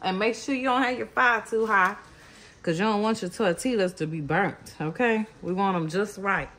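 A woman in her thirties hosts a casual cooking vlog from her home kitchen, speaking at a moderate pace in a mid-range, fairly bright voice. The cooking channel host is chatty, talks straight to her viewers, and calls them y'all and baby.

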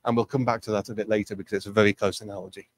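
A man's voice: lowish voice, flat delivery, racing. A man presenting a technical training webinar, explaining conversationally with frequent ums and uhs.

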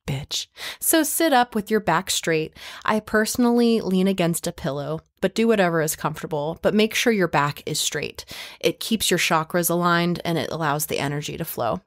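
A woman's voice: medium pitch, no echo, clean studio sound. A woman hosting a podcast, giving casual spiritual advice in a playful way and swearing freely. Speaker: podcast host.

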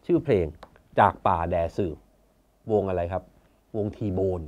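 A man's voice: deep voice, animated, a little slow, a little mellow. A man chairing a conservation foundation, talking in a casual storytelling way, blunt and colloquial, now and then acting out other people's words. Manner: colloquial, blunt, acts out quoted officials.

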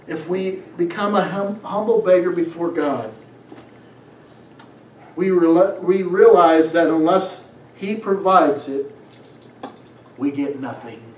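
A middle-aged pastor with a slightly high voice preaches emphatically from the stage of a small church sanctuary, reading scripture and driving his points home with drawn-out, exhorting phrases and rhetorical questions. The recording picks him up from a distance in an echoey room, with a little hiss or hum.

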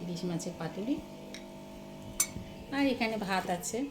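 Loud music plays behind this woman, a thirties vlogger with a West Bengal accent who talks straight to her viewers while moving through her home kitchen and rooms. She speaks at a medium pitch with lively intonation and a measured pace, in an echoey space full of household sounds.

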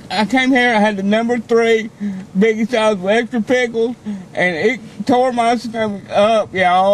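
A man's voice: extremely high pitch, a bit bright, a little hiss or hum, poor audio. A man voicing a crude, whiny Southern woman in a prank complaint, folksy and rambling, recorded inside a car. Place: inside a car at a drive-thru window. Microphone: camera in the car.

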